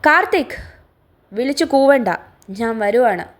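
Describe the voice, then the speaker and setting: A woman's voice: lowish voice, a little slow, a little mellow. A woman voicing a resentful young man who speaks in a curt, cold and clipped way. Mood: cold, defiant.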